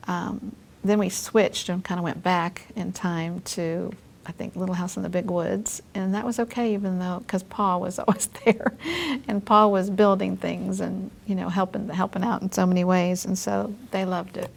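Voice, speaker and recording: A woman's voice: on the low side, level tone, normal speed, gravelly, a little hiss or hum. A middle-aged woman in a casual chat as an interview guest, recounting her experiences informally and a little tentatively.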